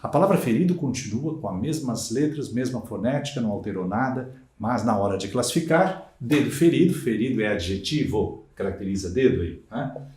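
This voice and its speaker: A man from Brazil teaching Portuguese in a recorded exam-prep lecture, with lively, emphatic delivery and frequent rhetorical tags. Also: medium pitch, brisk. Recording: echoey room.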